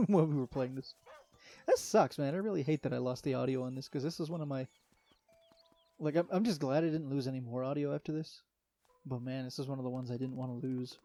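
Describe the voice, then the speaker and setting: A young man talks casually over his own gameplay, rambling and easygoing, often trailing off and starting over. His voice is mellow and soft-edged, and faint music plays underneath. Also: mid-range voice. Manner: rambling, easygoing, many fillers and restarts. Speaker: let's play commentator. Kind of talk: casual solo gameplay commentary.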